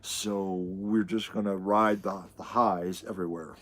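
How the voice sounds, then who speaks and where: A man's voice: low-pitched, steady tone, unhurried. A man co-hosting a travel vlog who chats casually, speaking bluntly and swearing freely as he tells stories with animation. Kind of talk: casual chat.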